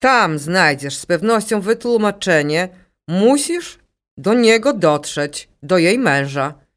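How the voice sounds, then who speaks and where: A woman voicing a calm, commanding female psychic medium with a Ukrainian accent, speaking slowly and insistently. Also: lowish voice. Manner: slow, insistent, instructing. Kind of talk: audiobook character reading.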